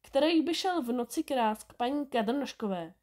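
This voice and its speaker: An earnest, well-meaning schoolboy from a bedtime storybook pleads and explains in a raised, lively voice, as a woman reading aloud puts him on. He talks eagerly and sincerely. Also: high voice, voice pushed up.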